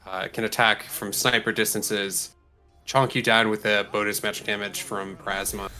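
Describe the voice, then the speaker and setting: A man's voice: lowish voice, flat delivery, moderate pace, sharp tone, faint music behind. A man giving analytical live esports commentary in an explanatory way, breaking down strategy.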